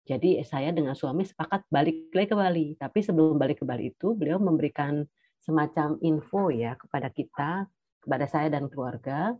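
Middle-aged woman, low voice, halting personal testimony, dull dry recording. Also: breathy edge, dry recording. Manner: hesitant, many pauses and fillers. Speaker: cancer survivor sharing her story.

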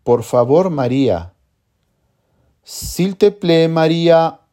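A teacher giving a scripted language lesson, speaking slowly and clearly and drilling words for the listener to repeat. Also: mid-range voice, lively intonation, warm tone. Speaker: French teacher.

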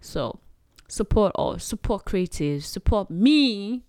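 A woman's voice: medium pitch, big pitch swings, takes it slowly, a little mellow, no room sound, clean studio sound. A young adult Nigerian woman hosting her own podcast, talking in a chatty, rambling way with fillers and little laughs. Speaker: podcast host. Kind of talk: solo podcast chat.

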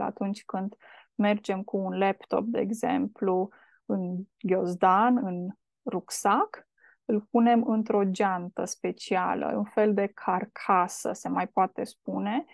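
A woman hosting a podcast and teaching vocabulary in a relaxed way, explaining step by step and often checking in with a quick "da?". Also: medium pitch, gravelly, no echo. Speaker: language teacher and podcast host. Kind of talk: casual vocabulary lesson.

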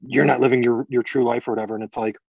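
A man guests on a podcast, speaking in a middle-pitched voice with a dry, wry edge. He sounds set back from the mic, and the audio is dull and muffled. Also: fairly even intonation, rapid-fire, vocal fry, no room sound. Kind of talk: casual chat. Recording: dull distant remote audio.

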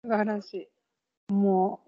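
A woman's voice: mid-range voice, little pitch movement, slow pace, warm tone. A woman with a Kansai Japanese accent chatting casually as a podcast co-host. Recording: dull, lo-fi audio.

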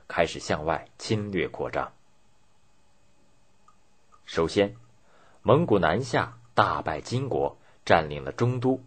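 A man narrating history in a scripted documentary style, telling it as a measured, dramatic story. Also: low-pitched, slightly rough.

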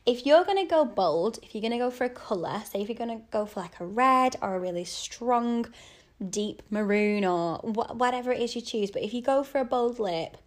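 A woman in her own voice, a wedding makeup artist co-hosting a podcast, chatting and giving practical tips with a slightly croaky voice. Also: on the high side, lively intonation, fairly quick. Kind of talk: casual podcast chat.

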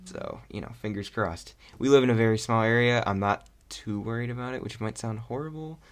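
A man's voice: medium pitch, a little fast. A young man hosting a podcast in casual chat, rambling and hesitant with lots of fillers. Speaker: podcast host.

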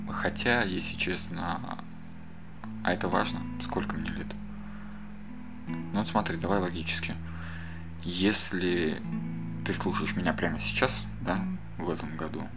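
A man in his thirties in a casual, rambling monologue, talking straight to the listener and drifting off on side thoughts. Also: sits low. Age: 30s. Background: loud acoustic guitar music.

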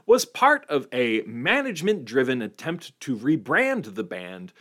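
A man's voice: mid-range voice, wildly swooping pitch, unhurried, fairly bright tone. A man co-hosting a podcast, dry and sarcastic in tone. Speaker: podcast co-host. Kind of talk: casual podcast chat.

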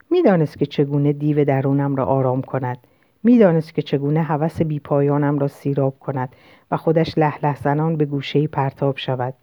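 A woman with a somewhat low voice reads a novel aloud in the first person. Her delivery is calm and reflective. The recording is dry, close and a little dull. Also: no echo. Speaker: audiobook narrator. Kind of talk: narrating a novel.

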